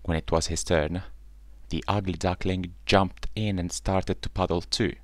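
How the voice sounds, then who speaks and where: A man reading a children's bedtime story aloud in a gentle, unhurried way. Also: deep voice, level tone, no echo.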